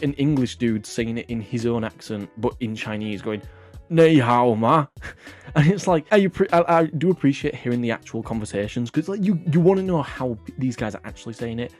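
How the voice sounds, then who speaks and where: A man's voice: medium pitch, mellow. A man hosting a casual comedic vlog, rambling and self-mocking, swearing often. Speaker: vlog host.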